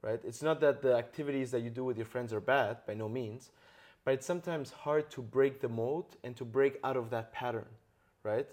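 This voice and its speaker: A man's voice: medium pitch, normal speed, hardly any pauses, a little mellow. Earnest man coaching with tag questions. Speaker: podcast host. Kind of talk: interview conversation.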